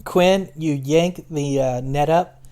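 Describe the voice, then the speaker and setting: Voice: medium pitch, slow, dark tone, smooth. A dungeon master narrating a tabletop game, often breaking into laughter as they describe the action.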